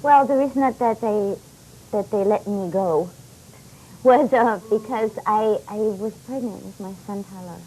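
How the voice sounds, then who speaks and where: A woman's voice: mid-range voice, measured pace, warm tone, rough recording. A woman in her thirties, a talk show guest gushing enthusiastically, heard from a worn VHS tape copy. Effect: worn VHS tape copy, faintly hissy. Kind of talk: gushing chat.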